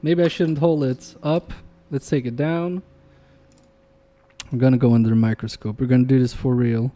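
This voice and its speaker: This livestream repair host is a young man whose first language is Polish, and he chats easily with viewers while working on electronics. His warm, mid-range voice moves at a normal speed with fairly even intonation, reading chat aloud before trailing off into quiet muttering.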